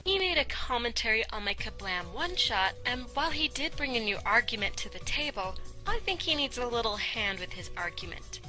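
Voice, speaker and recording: A woman with a fairly high, very bright voice who speaks in a smooth, teasing, sultry way. She narrates a commentary calmly over faint music. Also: fairly quick, hardly any pauses.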